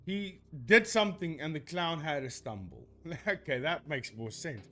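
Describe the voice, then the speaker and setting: An animated man whose first language is Afrikaans rambles casually on a live stream while debunking ghost videos. His pitch is fairly high and his pace unhurried, and he often corrects himself.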